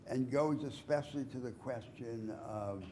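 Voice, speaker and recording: A man lecturing a class at an even middle pitch, laying out his argument in measured, deliberate steps and lifting his voice for emphasis. A faint hiss of noise sits under the recording. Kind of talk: university lecture. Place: lecture hall.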